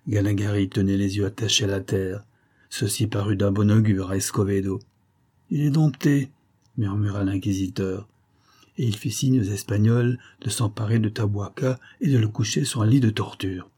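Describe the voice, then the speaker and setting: A man narrating an adventure novel in a measured, dramatic reading. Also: fairly low pitch, steady tone, dark tone, husky. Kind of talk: scripted audiobook narration.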